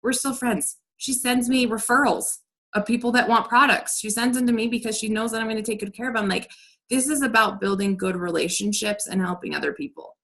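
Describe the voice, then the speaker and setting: A woman's voice: fairly high pitch, steady tone, fairly quick, a bit bright. A woman leading a team training over a video call, talking in a direct, upbeat coaching way. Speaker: team leader.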